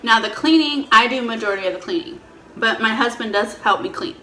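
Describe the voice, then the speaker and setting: Female, bright, informal Q&A host chatting casually, repeats herself while explaining; echoey room. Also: on the high side, fairly quick. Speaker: host of a couple's Q&A mukbang video. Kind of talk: casual chat, answering questions. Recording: roomy echo, faint background noise.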